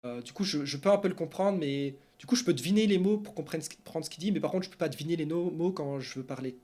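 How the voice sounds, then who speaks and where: A Belgian man streams esports news and fields viewer questions, his voice pitched on the high side and moving at a quick pace. He's chatty and animated, rambling loosely and packing his talk with fillers.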